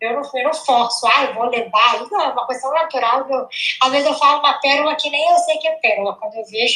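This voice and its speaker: A Brazilian woman in her twenties, an interview guest telling stories in a lively, joking way and acting out the voices she quotes. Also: sits high. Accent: Brazilian Portuguese. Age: 20s. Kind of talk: casual storytelling chat. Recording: roomy echo.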